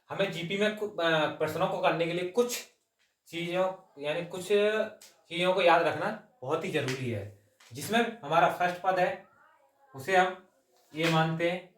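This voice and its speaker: A man whose voice sits high, with a fairly bright tone, leads an exam-coaching maths lesson and works through sums step by step. He mixes English number words and terms into what he says and frequently adds short check-in phrases. Recorded from a distance, the audio carries a roomy echo.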